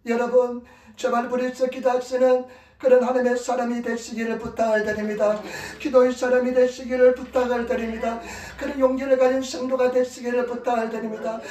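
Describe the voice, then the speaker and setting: A man's voice: extremely high pitch, flat delivery, a little fast, darkish tone, distant mic. A male pastor preaching a sermon in a church, pleading emphatically and repeating his exhortations. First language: Korean, preaching in Korean in Japan. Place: church sanctuary. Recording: echoey room, voice from off-mic.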